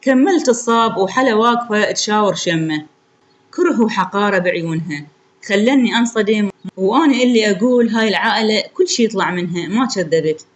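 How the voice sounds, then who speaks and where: A woman's voice: mid-range voice, animated, brisk. A woman with an Iraqi accent telling a sorrowful story in the first person, in an intimate way.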